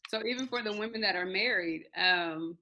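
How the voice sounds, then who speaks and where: A woman hosting a group discussion, asking thoughtful questions with pauses as she searches for words. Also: mid-range voice, sharp tone, dull audio, slight background noise. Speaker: host.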